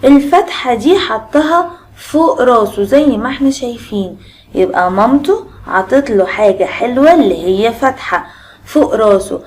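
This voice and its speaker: A woman's voice: on the high side, expressive, moderate pace. A woman with an Egyptian accent, a primary school teacher giving a children's reading lesson, asking the class questions and repeating sounds. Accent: Egyptian Arabic.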